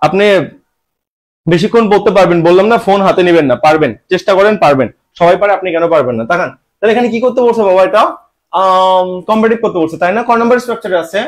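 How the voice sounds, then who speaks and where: A man teaching English grammar for an admission exam in Bengali-style speech, teasing his students and asking and answering his own questions. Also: high-pitched. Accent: Bangladeshi Bengali. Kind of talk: online admission-exam lesson.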